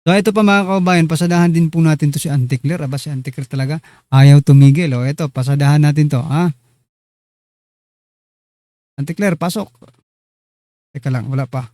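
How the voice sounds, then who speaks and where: Male commentary host, mellow, slightly raised pitch, teasing and chatty, dry close sound. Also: fairly even intonation, brisk, long pauses, no room sound. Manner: chatty, teasing, addresses viewers as kababayan. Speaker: online news commentary host. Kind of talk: casual political commentary.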